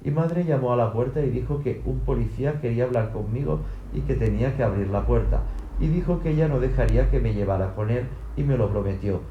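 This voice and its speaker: A man reading a first-person audiobook narration in an even, literal way, in a roomy-sounding recording. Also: mid-range voice, fairly quick, muffled recording, slight background noise. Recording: roomy echo.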